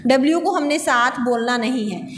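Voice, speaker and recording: A woman schoolteacher with a Pakistani accent, slowly and patiently dictating English words and meanings to children in a class lecture. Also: high-pitched. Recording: echoey classroom, faint background noise.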